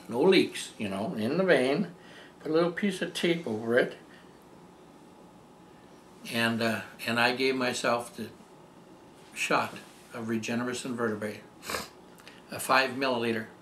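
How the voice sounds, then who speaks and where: An older man recounts a personal story in an earnest, meandering way, often stumbling into "and, um" restarts. His voice sits at an ordinary middle pitch, with a faint hum of ambience behind him. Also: fairly bright tone, echoey room. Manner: rambling, heartfelt, many fillers and restarts. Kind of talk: casual spoken testimony.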